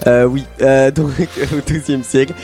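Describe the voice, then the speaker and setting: A man reads his part on a casual radio show, tripping over words and correcting himself as he goes. His pitch sits in the middle range. Faint music runs under his voice. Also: fairly even intonation, unhurried, a little mellow. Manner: stumbling, self-correcting, apologetic. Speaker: radio co-host. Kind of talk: casual radio chat, reading notes.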